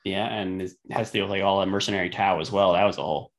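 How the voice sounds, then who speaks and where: A man's voice: sits low, steady tone, fast talker. A man co-hosting a casual chat podcast, laughing easily and chiming in with short agreeing replies. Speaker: podcast co-host.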